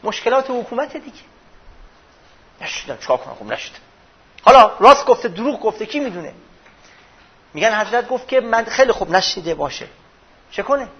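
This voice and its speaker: Man, religion teacher, high husky voice, dramatic storyteller, dull lo-fi recording. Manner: dramatic storytelling, swinging from loud to hushed. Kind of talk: religious history lesson.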